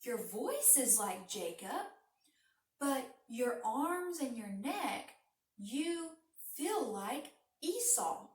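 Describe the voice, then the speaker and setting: A woman voicing a confused old father in a children's story, talking in a slightly lowered, questioning way. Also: big pitch swings, drawn-out words, exaggerated voice. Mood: puzzled. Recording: roomy, from a distance.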